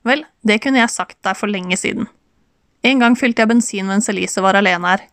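A woman's voice: mid-range voice, fairly bright tone, no room sound, clean studio sound, close to an everyday voice. A woman reading the part of an insistent woman who presses a man she once loved, in an audiobook. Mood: pressing. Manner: pleading, pressing. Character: insistent, concerned woman confronting an old flame.

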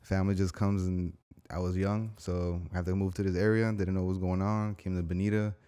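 A man's voice: deep voice, flat delivery, brisk, mellow, clean tone. A man in his thirties chatting casually as a podcast guest, laid-back and slangy. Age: 30s. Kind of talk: casual interview chat.

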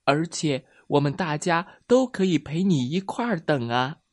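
A man voicing a kind, gentle little turtle in a children's story. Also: on the high side, very animated, unhurried, no echo. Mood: kindly. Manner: gentle, kindly. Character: warm kindly little turtle.

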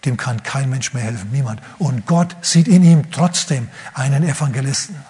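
A man's voice: mid-range voice, a little mellow, slightly rough. A man preaching a sermon who retells a Bible story vividly and briefly acts out the figures in the story. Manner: acts out the figures in quick asides.

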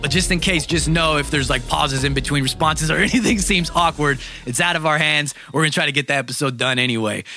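Upbeat high-voiced male podcast host. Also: fast, hardly any pauses, soft background music. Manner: lively, calls guest man and dude. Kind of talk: casual interview chat.

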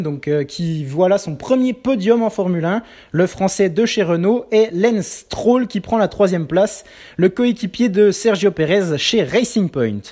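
A man giving a pre-recorded sports news roundup as a weekly columnist, reading steadily with small filler pauses. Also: sits high, darkish tone. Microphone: pre-recorded segment.

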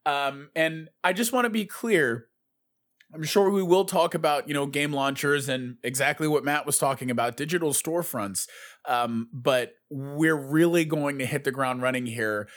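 A man's voice: on the high side, moderate pace, fairly bright tone. A man co-hosting a casual podcast, clarifying points in a hesitant, circling way. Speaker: podcast co-host.

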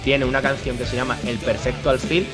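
A man's voice: mid-range voice, level tone, brisk, music in the background. A man from Ceuta, Spain, co-hosting a podcast in casual, jokey chat, rambling and playful. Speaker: podcast co-host.

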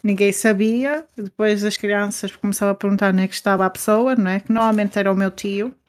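A woman's voice: mid-range voice, fairly even intonation, a little fast. A woman with a European Portuguese accent, co-hosting a podcast and telling stories in casual chat. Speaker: podcast co-host.

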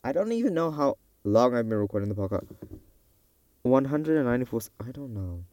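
A soft-spoken young male student hosting a casual ranting podcast monologue at home, rambling and restarting his sentences. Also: medium pitch, big pitch swings, a little fast. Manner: rambling and self-interrupting, with frequent restarts. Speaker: podcast host. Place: closet at home.

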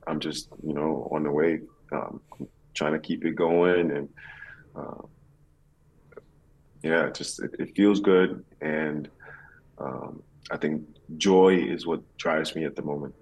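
Very deep, husky male athlete. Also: fairly even intonation, slow, long pauses, a little mellow, rough recording. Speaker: athlete being interviewed. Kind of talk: conversational interview answers.

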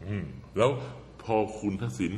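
A man talking casually as a guest commentator, telling an animated story and repeating words for emphasis. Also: moderate pace, slight background noise. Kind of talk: casual political talk. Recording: reverberant room, faint background ambience.

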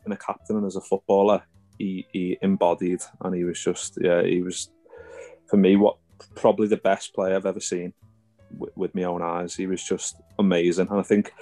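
A man's voice: sits low, dark tone. A man from Liverpool with a Scouse accent, chatting casually as a football podcast panellist. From Liverpool, England. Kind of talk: casual chat.

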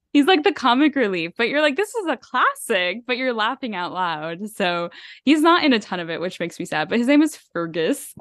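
A woman's voice: medium pitch, sing-song, normal speed, dry recording, studio quality. A woman co-hosting a podcast, chatting casually and enthusiastically about books, rambling with lots of fillers and little laughs. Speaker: podcast co-host. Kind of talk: casual book chat.

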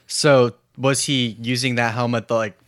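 A young adult man co-hosting a podcast in casual chat, relaxed, laughing often and trailing off mid-thought. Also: mid-range voice, unhurried, no echo, studio quality. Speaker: podcast co-host.

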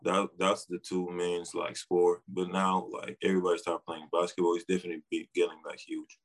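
A man's voice: sits low, completely flat delivery, fairly quick, rough recording. A young man with a Senegalese accent giving short, informal, slangy answers as a guest in a casual interview. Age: young adult. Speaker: interview guest, basketball player.

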